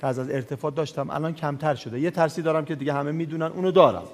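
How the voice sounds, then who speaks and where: High-voiced playful male host. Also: steady tone. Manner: playful, probing questioner. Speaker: talk-show host. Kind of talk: casual talk-show interview. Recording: roomy hall with faint music.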